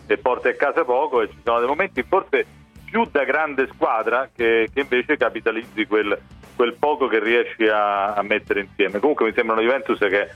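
A man's voice: medium pitch, moderate pace, faint music behind. A man discussing football as a radio guest over the telephone, hesitating and repeating words as he builds points. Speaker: newspaper editor as phone-in guest. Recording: narrow tinny phone line.

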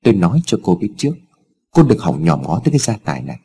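A man's voice: sits low, sing-song, quick pace, dark tone, husky, voice pushed down, exaggerated voice. A man voicing a stern, wealthy old father in a told story, speaking in harsh, clipped scolding tones.

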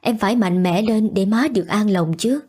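A woman voicing a young husband gently consoling his grieving wife. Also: mid-range voice, normal speed, breathy edge, close to an everyday voice. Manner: soothing.

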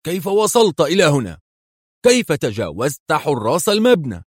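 A man's voice: on the high side, wildly swooping pitch, moderate pace, breathy edge, no echo, studio quality, voice pushed up, full character voice. A man putting on an indignant Soviet general. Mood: stern, indignant. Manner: stern and indignant, raised voice. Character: stern, angry middle-aged male Soviet general.

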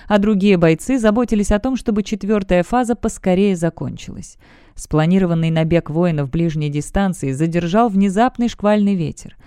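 A woman narrating a fantasy novel as an audiobook in an even storytelling delivery. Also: on the low side, clean tone, dry recording, clean studio sound. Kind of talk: scripted narration.

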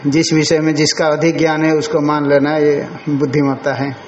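An older man lectures on scripture as a monk teacher, slowly unpacking each Sanskrit word with deliberate chanting. His voice sits a little high for a man. The recording is muffled and lo-fi, with a roomy echo and a faint hiss behind it. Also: completely flat delivery, a little mellow. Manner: slow, explanatory, chants Sanskrit words deliberately. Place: ashram hall.

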